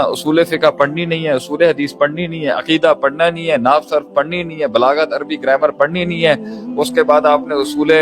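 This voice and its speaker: Guy giving a fired-up motivational sermon, keeps hammering the same phrase, kinda high voice, music under it. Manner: emphatic, hammering repeated rhetorical phrases; mixes in English terms. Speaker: preacher.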